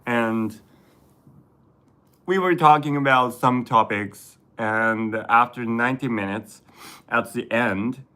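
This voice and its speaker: A Japanese man with a Japanese accent, chatting casually on a livestream and reading chat, often halting and correcting himself. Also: mid-range voice, bright, forceful tone, clean tone. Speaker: vlogger reading live chat.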